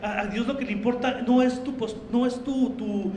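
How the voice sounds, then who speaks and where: A man's voice: extremely high pitch, steady tone, moderate pace, mellow, slight background noise. A man preaching a fervent sermon as pastor, often calling his listeners brother, in a church sanctuary. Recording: roomy church echo.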